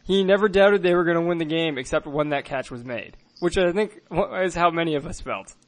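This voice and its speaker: Earnest, somewhat high-voiced co-host man. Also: a little fast. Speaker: podcast co-host. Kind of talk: casual sports podcast chat.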